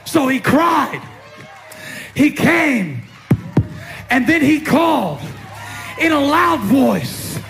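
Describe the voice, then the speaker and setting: A man with a notably high voice delivering a sermon from the pulpit, pounding out repeated lines in rhythm and building up into shouts. soft music sits quietly underneath. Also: very animated, extremely slow, vocal fry, long pauses. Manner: rhythmic preaching with repeated phrases, rising to shouts. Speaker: pastor.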